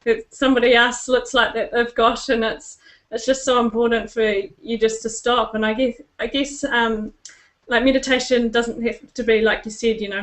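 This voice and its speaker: Higher-voiced woman host, chatty and level. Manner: chatty, hesitant, with fillers like "I guess" and "like". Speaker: podcast host interviewer. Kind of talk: casual interview chat.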